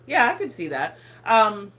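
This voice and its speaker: A woman in her thirties with a non-native English accent hosts a lifestyle channel, casually reading viewer comments on a phone livestream. Her voice sits a little high and sounds fairly bright, swinging hugely in pitch at a measured pace. She rambles, laughs, and stumbles over her words.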